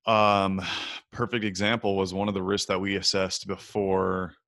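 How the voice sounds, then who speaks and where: A man's voice: deep voice, gravelly, fairly bright tone, dry recording, clean studio sound. A man in his thirties, a podcast guest, telling stories in a rambling way with lots of fillers and restarts. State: hiccups. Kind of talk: casual interview chat.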